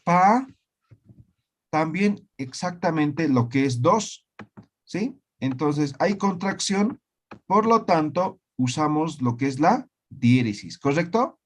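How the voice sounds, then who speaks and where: A man teaching a language class online, slowly repeating words and often checking that students follow. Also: fairly high pitch, animated.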